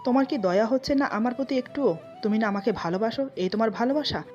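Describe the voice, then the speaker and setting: Brief: woman voicing young husband in an audio story; pleading, playful, soft music, dull recording. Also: on the high side, fast, close to an everyday voice.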